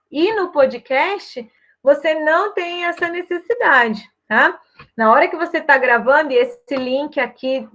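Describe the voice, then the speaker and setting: A woman's voice: high voice, a bit bright. A woman lecturer with a Brazilian Portuguese accent, explaining course assignments in a chatty way and checking in with "tá?" and "né?". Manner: chatty, repeats "tá?" and "né?" often. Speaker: university lecturer. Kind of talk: recorded course guidance.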